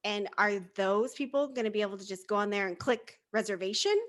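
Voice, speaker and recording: A woman co-hosting a casual fan podcast, chatting and telling stories with animated quoted voices. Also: mid-range voice, a little fast. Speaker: podcast co-host. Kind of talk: casual chat.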